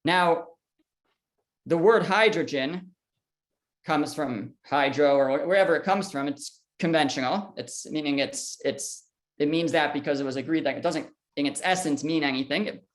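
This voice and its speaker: A man's voice: fairly high pitch, normal speed. Man teaching a class, asking questions. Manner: asks the listeners questions and answers them, with small restarts. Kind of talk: explanatory lecture.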